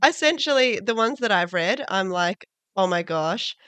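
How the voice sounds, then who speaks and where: A woman's voice: mid-range voice, expressive, normal speed, fairly bright tone, smooth, no room sound. A woman co-hosting a casual podcast, her voice nasal from being sick, talking dramatically with giggles. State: nasal from a cold. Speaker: podcast co-host. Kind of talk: casual chat. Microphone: studio podcast mic.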